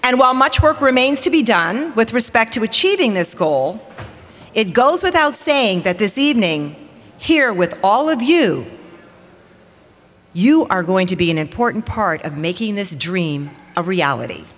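A TV weather reporter in her forties, addressing a large hall from a lectern on stage, gives an upbeat formal welcome and rallies the audience. She speaks at a measured pace with a medium pitch and big pitch swings, heard through a lectern microphone with long reverb.

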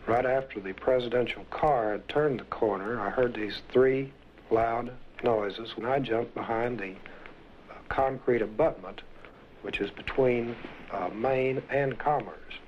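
A man recounting what he witnessed in a plain, halting, folksy way, on a 1960s vinyl record. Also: medium pitch. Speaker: eyewitness. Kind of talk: recounting an event in interview. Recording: dull, noisy vintage 1960s vinyl record.

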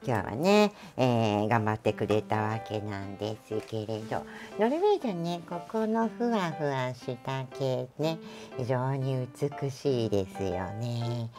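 With music playing in the background, a middle-aged Kansai-accented woman demonstrates cat grooming in an unhurried, very animated way. Her voice rumbles low, and her chatty narration is full of asides and giggles.

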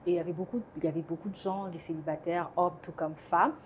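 A woman's voice: on the low side, fairly even intonation, quick pace, a little hiss or hum. A woman in her twenties, a guest in a TV studio interview, speaking emphatically and laughing easily. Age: 20s. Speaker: guest, founder of a women's platform. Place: TV studio set. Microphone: lapel mic.

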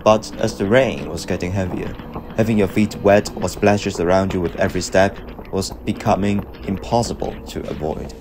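A middle-aged man narrates. His delivery is measured and reflective, like a scripted personal vlog voice-over. Music plays behind him. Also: deep voice. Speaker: running vlogger. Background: background music.

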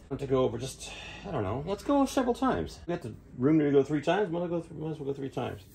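A man's voice: on the high side, big pitch swings, fast, vocal fry, a little mellow, a little hiss or hum. A middle-aged man talking casually while he works on a costume piece in a cluttered home workshop, rambling and thinking aloud, picked up by a camera mic a little way off. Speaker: costume maker and vlogger.

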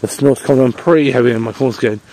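Medium in pitch and mellow in tone, this Irish man races through his words as he rambles casually on a snowy park walk, phone held out at arm's length. His vlog chatter has playful sing-song bursts. Audio quality is poor, with faint outdoor ambience.

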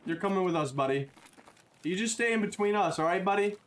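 A man's voice: high-pitched, animated, fairly quick, fairly bright tone. A man playing a police captain in game voice chat, barking commands with mock-stern cop bravado. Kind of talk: in-game voice chat role-play.

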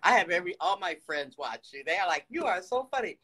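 This sixty-something American woman is very animated and quick on a casual video call, her voice on the low side and a bit rough. As a fan, she pours out encouragement and gushing compliments, laughing frequently. She holds the phone camera close while sitting in an office with ceiling lights.

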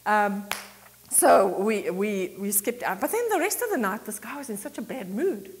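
A woman pastor from South Africa preaching a conversational sermon, telling a story with frequent laughter and lively quoted voices. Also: medium pitch, normal speed, in a large hall. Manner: chatty, laughs often, animated quoting. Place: church sanctuary.

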